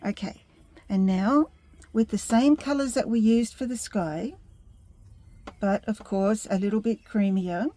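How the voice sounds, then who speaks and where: A woman giving a step-by-step painting tutorial in a gentle, unhurried instructing manner. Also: medium pitch.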